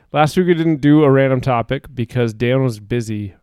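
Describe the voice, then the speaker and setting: A man co-hosting a podcast in casual chat, playful and quick to laugh, a little out of breath. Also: medium pitch, a little mellow, clear, resonant tone, no room sound, studio quality. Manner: playful, laughs often, hums tunes. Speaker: podcast co-host.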